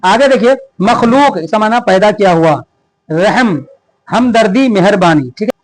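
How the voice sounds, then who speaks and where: High-voiced man teaching a reading lesson. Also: animated, rough recording. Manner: reads text slowly, then explains quickly. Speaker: religious teacher. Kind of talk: reading lesson aloud with explanations.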